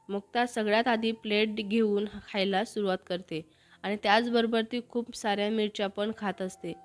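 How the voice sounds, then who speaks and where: A woman with a Marathi accent narrating a romantic story and reading every character's lines in her own voice. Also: mid-range voice. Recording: soft music bed behind the voice.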